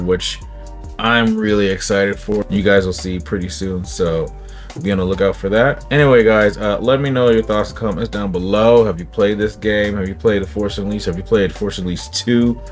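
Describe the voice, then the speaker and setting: A very deep-voiced man talks through his reaction to a trailer in casual commentary. He rambles, restarts and hunts for words, and soft music sits faintly behind him. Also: fairly even intonation, normal speed. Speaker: reaction channel host.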